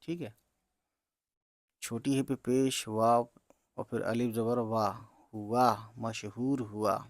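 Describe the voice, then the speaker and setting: A man teaching beginners to read Urdu, spelling words out letter by letter in a slow, patient way and talking to viewers as friends. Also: mid-range voice, flat delivery, no echo, clean studio sound.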